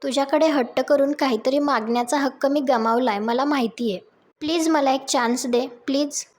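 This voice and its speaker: A woman reading out the lines of a remorseful young woman who apologizes and begs for another chance, in her high voice. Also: moderate pace. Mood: pleading.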